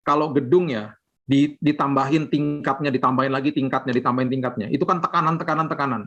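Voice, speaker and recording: A man pastor preaching casually over a video call, rising in pitch when he acts out people's complaints. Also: fairly even intonation, fast, pushed and bright. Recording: dull lo-fi video call audio.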